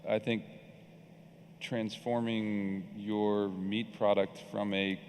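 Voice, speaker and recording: Deep-voiced guy on a panel, flat and halting, echoey hall, faint hiss. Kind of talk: panel discussion. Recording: reverberant hall with faint noise.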